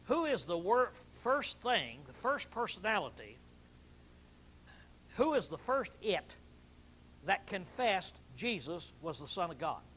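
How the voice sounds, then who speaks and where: A male preacher teaching a sermon in a conversational way, often clearing his throat and restarting phrases. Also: high voice, big pitch swings, a little slow, long pauses, a bit bright, slight background noise, low-quality recording.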